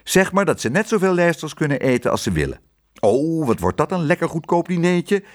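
A man reading a storybook aloud, voicing a greedy, hot-tempered male restaurant owner who blusters and shouts orders. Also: on the high side, very animated, brisk, voice pushed up.

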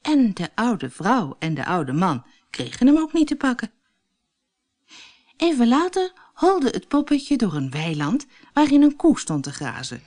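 Expressive woman reading a storybook. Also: a little high, unhurried. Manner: expressive, clear read-aloud storytelling. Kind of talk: storybook narration.

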